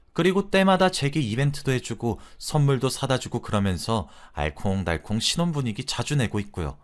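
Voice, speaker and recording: Man, lively intonation, scripted story narration, confiding chatty manner. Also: mid-range voice. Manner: chatty confiding storytelling, retelling a wife's account.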